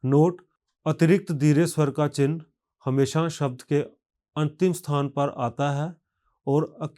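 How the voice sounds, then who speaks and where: Slow, careful male language teacher. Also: fairly high pitch, fairly even intonation, warm tone. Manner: slow, careful, measured delivery; pronounces example words deliberately. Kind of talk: recorded language lesson.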